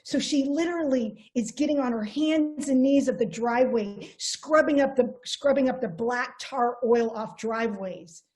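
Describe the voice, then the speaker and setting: A middle-aged woman presenting an online seminar on a video call, energetic and storytelling, with frequent restarts. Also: sits high, moderate pace, hardly any pauses.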